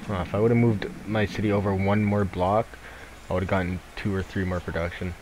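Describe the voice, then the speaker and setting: A man's voice: low-pitched, level tone, a little fast. A young man chatting during an online multiplayer strategy game, thinking aloud in a hesitant way with many fillers. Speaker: multiplayer gamer. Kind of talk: casual game chat. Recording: voice chat with clear background noise.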